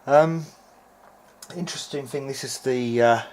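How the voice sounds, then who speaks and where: In an unhurried, mid-range voice, a male hobbyist radio restorer presents informal workbench commentary, musing hesitantly as he goes. The recording has clear, constant background noise.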